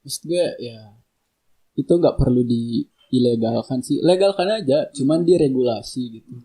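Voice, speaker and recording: A man's voice: medium pitch, normal speed, warm tone. A young man chatting casually, laid-back and slangy, often laughing. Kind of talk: casual chat. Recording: echoey room.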